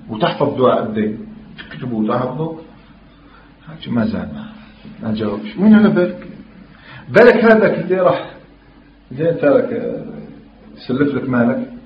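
A man's voice: on the high side, a little hiss or hum. A man with an Algerian Arabic accent giving an emphatic religious lesson, quoting scripture and questioning his listeners. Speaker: religious teacher. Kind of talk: Islamic lesson in mixed Algerian dialect and classical Arabic. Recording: echoey, dull lo-fi room recording.

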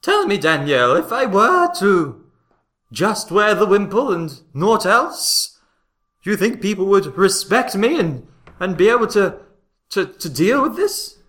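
In an echoey room, a man acts out a stern, ambitious nun in improv comedy. The high voice swings widely, with slow, theatrical indignation. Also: sing-song, a bit bright, full character voice. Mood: earnest. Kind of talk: improvised stage comedy scene.

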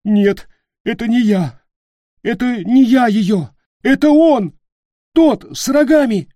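A man voicing a terrified young male traitor who is crying and pleading in high, wailing shrieks. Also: slow pace, warm tone, breathy edge, no room sound, clean studio sound. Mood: sobbing panic.

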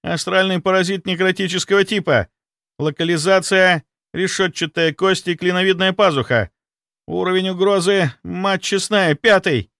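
Excitable young inquisitor lad, high and urgent, read by a male narrator. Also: normal speed, hardly any pauses, no echo, clean studio sound. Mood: alarmed. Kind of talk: audiobook character voice.

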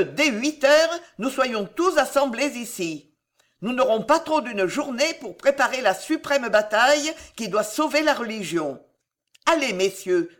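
A woman's voice: fairly high pitch, pitched above the performer's own voice. A woman reading aloud voices a commanding older queen mother who gives clipped, imperious orders.

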